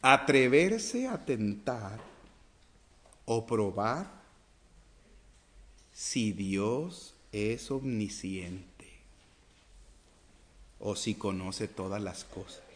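A man preaching a sermon and reading scripture aloud, asking the congregation rhetorical questions and swinging between loud emphasis and quiet asides. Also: fairly low pitch, animated, very slow, pauses often. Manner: reads scripture aloud, acting out the dialogue.

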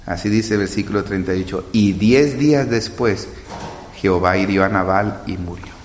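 A man's voice: low voice, moderate pace, a little hiss or hum. Preaching man in an echoey hall. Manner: retells scripture with dramatic acted quotes. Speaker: pastor. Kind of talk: sermon. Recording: echoey hall with long reverb.

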